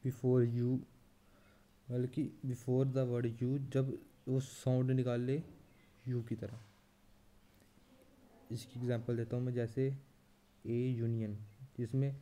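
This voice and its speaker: A young man teaching a grammar lesson, explaining slowly and deliberately and spelling out his examples word by word. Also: mid-range voice, mellow.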